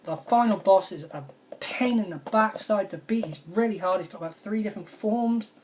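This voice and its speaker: A woman's voice: mid-range voice, moderate pace, darkish tone, slight background noise. A woman, casually reviewing her favourite retro video games in an enthusiastic, rambling way and repeating her praise. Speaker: video game vlogger.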